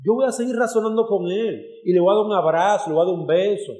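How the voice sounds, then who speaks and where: A man's voice: high voice, fast, warm tone, echoey room. A man preaching a sermon as pastor, earnest and direct, speaking to his congregation as brothers and sisters. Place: church hall.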